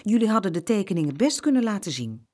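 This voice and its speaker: A woman's voice: medium pitch, very animated, fast, darkish tone. A woman voicing a mother in a children's storybook, firm and scolding. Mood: reproachful. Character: stern but kind young mother.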